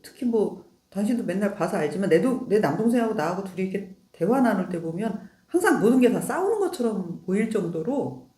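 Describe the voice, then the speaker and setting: A middle-aged woman chats casually with her husband in a warm, sing-song, medium-pitched voice at a brisk pace. She teases him, laughs often, and asks "응?" to make sure he's following. The room gives a noticeable echo.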